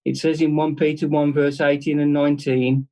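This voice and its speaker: This is a man delivering a short, heartfelt devotional talk to his congregation. His voice sits somewhat higher than most men's. He speaks in a plain, chatty way, often stopping and restarting mid-phrase. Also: flat delivery, mellow, rough recording. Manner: earnest and conversational, with halting restarts. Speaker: church speaker.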